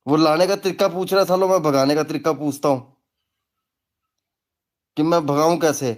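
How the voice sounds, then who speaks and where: A man's voice: on the high side, fairly even intonation, moderate pace. A man who presents himself as a tantric guru, ranting casually in a crude, mocking, rambling way. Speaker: self-styled tantric guru. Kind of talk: casual live rant.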